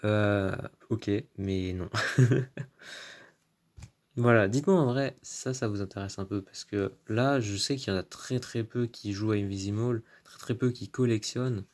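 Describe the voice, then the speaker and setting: A man's voice: lowish voice, darkish tone. A man chatting casually in a vlog, going through his card collection, full of "euh" and "hein", stretching out card names with enthusiasm. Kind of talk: casual unboxing-style vlog commentary.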